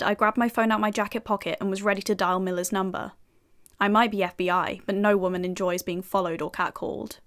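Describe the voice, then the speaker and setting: Wry british woman doing a young fbi agent telling her own story, dry jokes, middle pitch. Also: fairly bright tone, lightly acted. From United Kingdom. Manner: dry, sardonic asides. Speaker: narrator and lead character, an FBI agent. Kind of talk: first-person audio drama narration.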